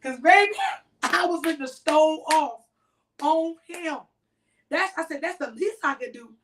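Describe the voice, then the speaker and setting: A woman co-hosting a podcast, telling a story to listeners in a casual, animated way and talking straight to them. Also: high voice, measured pace, recorded from a distance, slight background noise, poor audio. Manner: animated, addresses listeners directly. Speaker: podcast co-host.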